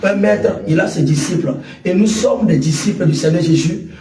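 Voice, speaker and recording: Radio preacher, man, high and mellow voice, a bit off mic in an echoey studio. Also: moderate pace, distant mic. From Côte d'Ivoire. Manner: declamatory, repeats alleluia.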